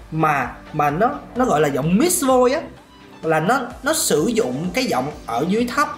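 A man teaching singing in a lively question-and-answer lesson, often chuckling and demonstrating voices. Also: a little high. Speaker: vocal coach. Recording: roomy room with faint music.

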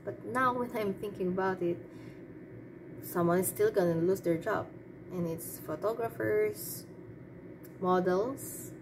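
A woman shares her opinions in a casual, off-the-cuff monologue, rambling and hesitating as she thinks aloud. Her voice is medium-pitched and a little slow, with frequent pauses, and the background is clearly noisy.

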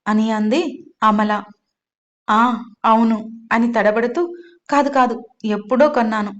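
A woman hosting her own channel, narrating a serialized audio story and reading every character's lines herself with little change of voice. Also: a little high. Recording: slightly dull, lo-fi sound.

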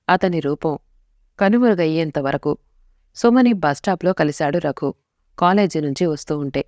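A woman's voice: deep voice, darkish tone, dry recording. Woman reading a story, dry close sound. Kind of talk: scripted narration.

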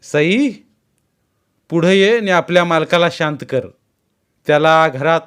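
A man voicing an angry, nagging older mother-in-law in a storybook reading, raising his voice high and loud. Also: slow, clean tone. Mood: commanding.

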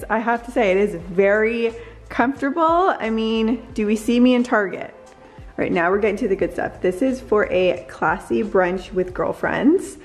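A woman in her thirties chatting upbeat and gushing in a casual vlog try-on at home. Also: medium pitch. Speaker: lifestyle vlogger. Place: bright living room at home. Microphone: camera in hand and mirror selfies.

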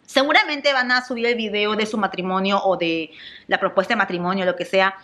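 This celebrity gossip vlogger is a young adult woman from Peru who speaks with a Peruvian Spanish accent. Her voice sits at a medium pitch and moves fairly quickly as she gushes through a casual vlog, sprinkling in exclamations in English.

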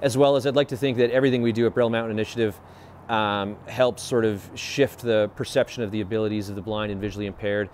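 Man, 30s, lowish voice, measured, faint outdoor noise. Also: steady tone, a little mellow. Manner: measured, with fillers. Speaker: blind skier and fundraiser organizer. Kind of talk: interview. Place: outdoor deck by forest.

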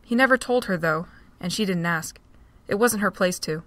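A woman narrating an amateur audio drama with an even, steady reading. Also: on the low side, normal speed, no room sound.

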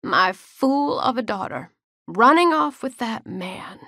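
A woman's voice: a little high, expressive, slow pace, gravelly, pushed and bright, dry recording, clean studio sound, pitched above the performer's own voice, exaggerated voice. A woman voicing a stern, short-tempered old grandmother who scolds harshly, in an audiobook. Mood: bitter. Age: older.

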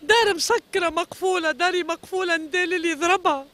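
A woman's voice: extremely high pitch, fast, a bit bright, no echo. A middle-aged woman with a Tunisian Arabic accent giving a pleading street interview, repeating her phrases over and over. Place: street outdoors.

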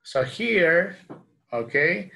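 In a small room at home, a Salvadoran man in his thirties gives a bilingual English lesson with a Salvadoran Spanish accent, repeating phrases slowly before translating them into Spanish. His voice is high-pitched, animated, creaky, bright and forceful.

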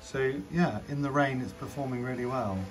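Standing on a rainy garden patio, a man casually comments on a drone demo as a reviewer, hesitantly thinking aloud. He speaks at a normal speed in a medium pitch. Being recorded outside, the clip has clear background noise.

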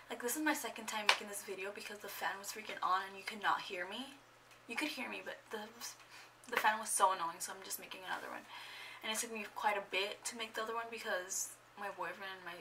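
A young woman in her twenties rambles casually and a bit awkwardly in a get-to-know-me vlog at home, full of fillers. Her medium-pitched voice is bright and forceful with vocal fry. Picked up indoors by a camera mic far from her, the low-quality recording has slight background noise.

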